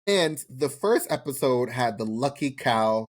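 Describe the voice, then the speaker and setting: Here a man co-hosts a laid-back recap podcast about a TV show, his medium-pitched voice animated yet a little slow. He talks emphatically in slang, swears freely and circles back to the same phrases.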